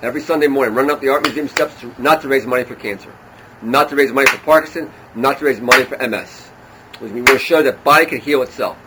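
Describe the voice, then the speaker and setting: A man in his sixties who speaks quickly and with eager enthusiasm. He is a guest in a casual interview, and he bursts out his answers at a rapid clip. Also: mid-range voice, heavy background noise. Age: 60s. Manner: excitable, enthusiastic.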